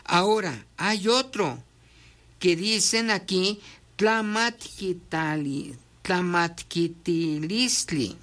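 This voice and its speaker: A guest explaining traditional midwifery reads passages aloud from a text and then comments on them, in a conversational, patient, teacherly way. Their voice sits at an ordinary middle pitch with a fairly bright tone, and they keep pausing to make sure the listener follows.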